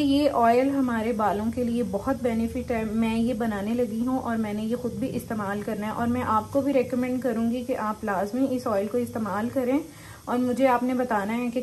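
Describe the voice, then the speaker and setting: A woman's voice: fairly high pitch, darkish tone, a little hiss or hum, low-quality recording. Chatty woman. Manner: chatty, instructive, often says "okay" and "come on". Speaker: channel host giving home remedies. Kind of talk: chatty home tutorial. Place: home kitchen, cooking at the stove. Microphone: handheld phone camera. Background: frying and sizzling.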